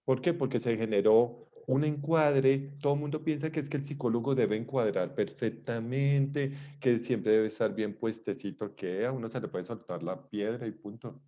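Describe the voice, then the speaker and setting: A man's voice: medium pitch, moderate pace, few pauses. A man, a psychologist lecturing students and acting out dialogue from his stories. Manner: lively storyteller, acts out dialogue. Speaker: psychologist teaching a class. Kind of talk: lecture with anecdotes. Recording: dull lo-fi recording.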